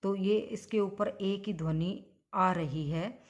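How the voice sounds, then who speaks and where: A woman's voice: mid-range voice, slow pace. A woman teaching Hindi grammar, spelling out sounds one at a time and stretching each example word. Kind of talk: slow explanatory grammar lesson.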